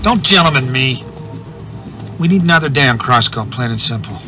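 An actor playing a forceful, profane hedge fund boss in a TV drama. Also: male voice, mid-range voice, expressive, moderate pace, faint music behind. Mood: demanding. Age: middle-aged. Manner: blunt, commanding, profane.

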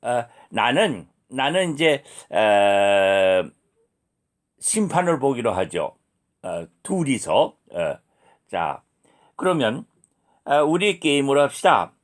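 Middle-aged male teacher, slow and deliberate, voice swoops up and down while drilling beginners. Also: medium pitch, very animated. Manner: models each sound slowly, then explains. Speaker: Chinese language teacher. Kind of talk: slow beginner language lesson.

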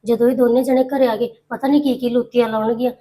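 Woman as indignant elder daughter-in-law, quick, high grumbling. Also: level tone, mellow, close to an everyday voice. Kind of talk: village family drama acting.

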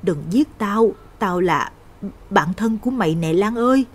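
A woman narrator voices an earnest older village woman pleading with an old friend. The breathy voice is lively in pitch and moves at a measured pace.

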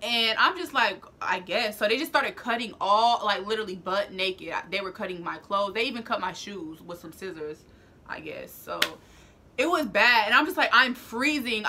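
A young woman telling a storytime vlog in animated, casual slang, acting out what people said. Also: on the high side. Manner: acts out quoted lines. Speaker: vlogger.

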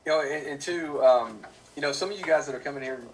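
Guy reporter asking long rambly questions, fast, sounds far from the mic. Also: on the high side. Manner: rambling questions full of "you know". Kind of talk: press conference questions. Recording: off-mic with faint room noise.

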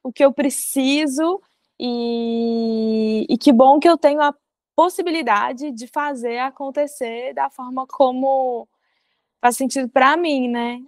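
High-voiced woman host on earbuds. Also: fairly even intonation, slow, darkish tone, no echo. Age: 30s. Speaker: podcast host. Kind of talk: casual video-call interview. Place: living room indoors. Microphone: wired earbuds on video call.

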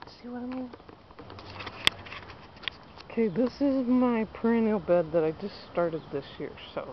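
A low-pitched woman in her thirties strolls through her backyard garden, chatting casually and pointing out plants to a handheld camera held at arm's length. The outdoor audio is dull and lo-fi, with clearly audible background noise.

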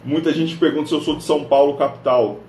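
A fairly high-voiced man hosts a live stream and coaches his viewers, upbeat and direct, looking right into the camera. His voice rings around an echoey room, picked up by a camera mic. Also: fairly even intonation, quick pace, darkish tone. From northern Paraná, Brazil. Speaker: live stream host and social media coach.

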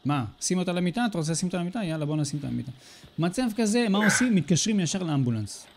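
A man's voice: high-pitched, lively intonation, background noise. A man hosting a let's play, giving casual, sarcastic commentary that mocks the game character. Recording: faint game music in the background.

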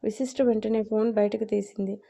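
Dark-voiced woman narrating a love story. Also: medium pitch, flat delivery, fairly quick, gravelly.

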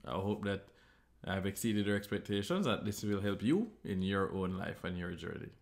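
A man's voice: fairly low pitch, normal speed. A man giving a motivational talk, telling a story and explaining while he draws a graph. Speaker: host.

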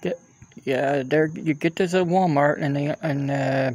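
A man giving casual snack tasting commentary as a vlogger, halting and repetitive as he thinks aloud outdoors. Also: a little high, darkish tone, dry recording. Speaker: food review vlogger. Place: outdoors at a picnic table in a park.

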